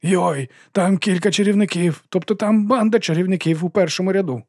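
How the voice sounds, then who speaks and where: A man's voice: high voice, fairly quick, a little mellow, no echo, studio quality, voice pushed up. A man doing an eager, dim young rocker. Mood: excited.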